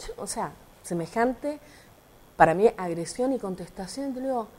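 A woman's voice: mid-range voice, lively intonation, moderate pace, warm tone. A middle-aged Argentine woman and lawyer, telling an interviewer with indignant emphasis about an incident, acting out the quoted dialogue. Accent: Argentine Spanish (rioplatense voseo). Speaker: interviewee, party representative and lawyer.

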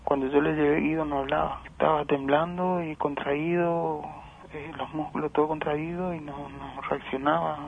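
A grieving father, speaking in a halting, emotional way during a phone interview. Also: a little high, steady tone, creaky. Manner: halting, repeats words, emotional. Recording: tinny phone line with faint noise.

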